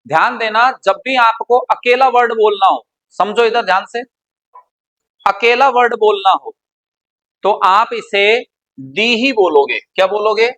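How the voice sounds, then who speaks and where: Middle-aged male teacher, high voice, bantering and mixing two languages in a class recording. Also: measured pace, long pauses, a bit bright, rough recording. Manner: teasing, addresses students by name, mixes Hindi and English. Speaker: English grammar teacher. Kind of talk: classroom lecture.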